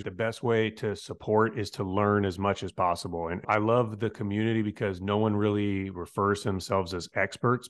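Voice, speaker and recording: A middle-aged man, a firefighter, telling stories as a podcast guest in a casual, animated way, acting out quoted dialogue with laid-back slang. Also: fairly low pitch. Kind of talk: casual interview storytelling.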